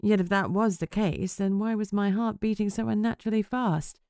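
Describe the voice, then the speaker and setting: A woman's voice: medium pitch, fairly even intonation, normal speed, warm tone, clear, resonant tone, dry recording, studio quality, pitched above the performer's own voice, close to an everyday voice. A woman reading a first-person audiobook as a sarcastic, self-mocking female vampire journalist. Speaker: audiobook narrator.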